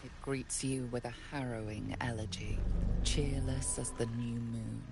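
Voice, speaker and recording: A woman giving measured, atmospheric scripted narration for a game. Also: very deep voice, steady tone, vocal fry, full character voice. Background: game music.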